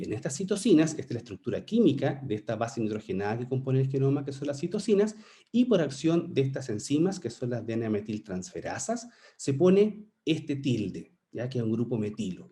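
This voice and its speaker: A man delivers a scientific lecture at a conference. His pitch rises and falls freely as he explains, and his tone is mellow and warm. He keeps checking in with his listeners and sometimes restarts a phrase. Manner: explanatory, with frequent rhetorical "¿cierto?" checks; occasional restarts and "eh" fillers. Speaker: conference speaker, researcher.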